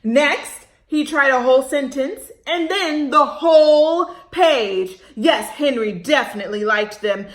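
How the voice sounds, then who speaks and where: A woman leads story time for small children, reading aloud with dramatic emphasis, stretching out words and asking her listeners questions. Her voice sits high, and the sound is roomy.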